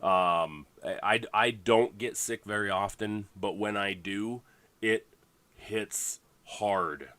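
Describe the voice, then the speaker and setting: Male league host, congested, low-pitched, loose rambling livestream chat with fillers. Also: slow pace, a bit bright, no echo. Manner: rambling, full of fillers and restarts.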